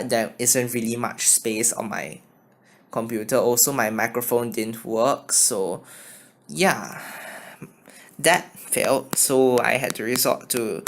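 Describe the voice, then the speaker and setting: A man's voice: mid-range voice, vocal fry. A man from China with a mixed Chinese and Singaporean accent, answering viewer questions in a casual vlog, hesitant and apologetic, recorded on a phone. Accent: mixed Chinese and Singaporean English. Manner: hesitant, halting, often apologetic.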